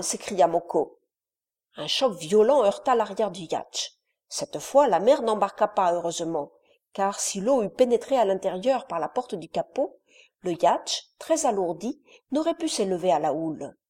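A woman reading a classic adventure novel aloud in a measured, dramatic storytelling manner. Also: medium pitch, lively intonation, darkish tone. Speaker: audiobook narrator.

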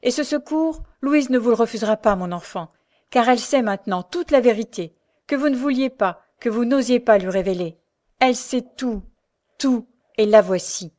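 A woman's voice: medium pitch, normal speed, darkish tone, close to an everyday voice. A woman reading the part of a kindly, confident elderly male doctor in an audiobook, with a paternal, reassuring manner. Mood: triumphant.

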